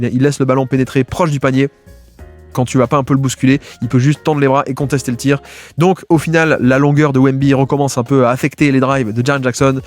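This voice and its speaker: A man giving casual, fast-paced commentary as he breaks down basketball game film, with many fillers and restarts. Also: medium pitch, a little mellow. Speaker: basketball video analyst.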